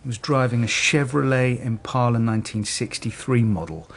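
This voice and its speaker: In a naturalistic radio drama, a male actor plays a police detective who is matter-of-fact and slightly hesitant. His voice is mid-range and creaky, at normal speed.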